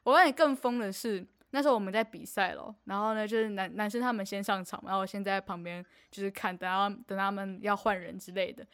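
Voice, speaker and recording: A young woman, co-hosting a podcast and telling a story in casual chat, animated and laughing often. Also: mid-range voice, fast talker, hardly any pauses. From Taiwan. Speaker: podcast co-host.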